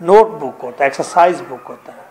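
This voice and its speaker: A man's voice: a little high, expressive, a little fast, darkish tone. A middle-aged man with a Pakistani accent teaching a classroom English grammar lesson, drilling rules and quizzing his students.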